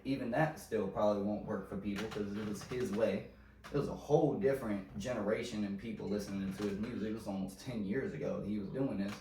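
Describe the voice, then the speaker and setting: A man's voice: lowish voice, darkish tone. A man talking in a loose, rambling casual chat, heavy on slang and filler, often trailing off and restarting. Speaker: podcast host. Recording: roomy sound, mic at a distance, faint noise.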